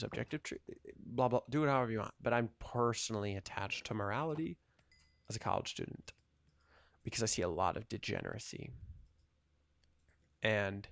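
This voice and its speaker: A man's voice: on the low side, creaky, no echo. A man in his twenties rambling casually while playing a video game, thinking aloud with lots of fillers. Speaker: gaming channel host.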